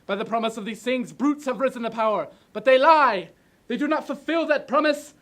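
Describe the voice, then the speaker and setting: Shouting, ranting dictator-style orator. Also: male voice, very high voice, fairly quick, pitched above the performer's own voice. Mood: fiery, rousing. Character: impassioned man giving a ranting, exploding dictator-style speech. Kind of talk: dramatic speech recitation.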